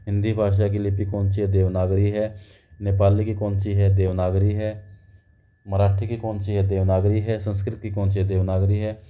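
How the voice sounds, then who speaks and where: A man's voice: fairly low pitch, level tone, normal speed. A man giving a grammar lecture, explaining step by step and asking and answering his own questions. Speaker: teacher. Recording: dull lo-fi recording.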